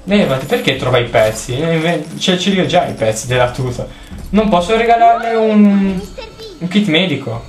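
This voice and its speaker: Animated man yelling at a video game. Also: high-pitched, normal speed, reverberant. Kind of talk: casual let's play commentary.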